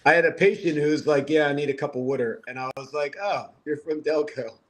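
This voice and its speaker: A man in his fifties from the Philadelphia area guests on a podcast, telling stories in a casual conversation with wry, self-deprecating humor. His voice is slightly high, steady and brisk, while the poor audio is crowded by a loud crowd.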